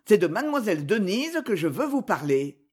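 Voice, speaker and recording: A man's voice: high-pitched, sing-song, a little fast, slightly rough, exaggerated voice. A man reading a novel aloud, voicing an earnest young magistrate who pleads insistently.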